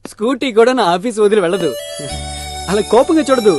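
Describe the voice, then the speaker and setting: A man playing a rich young businessman who speaks in a smooth, teasing, self-assured way. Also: sits high, lively intonation, brisk, music in the background. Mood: confident.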